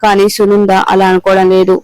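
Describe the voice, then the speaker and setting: A man reading the lines of a remorseful middle-aged husband begging his wife to listen, in a flat, clear voice. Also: high-pitched, a little fast, no echo, natural voice, rough recording. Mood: pleading. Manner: pleading.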